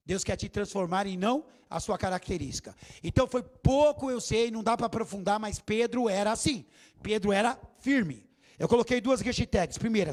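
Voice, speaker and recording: Animated high-voiced man preaching. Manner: animated, theatrical preaching with acted quotes. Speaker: bishop. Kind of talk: sermon. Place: church.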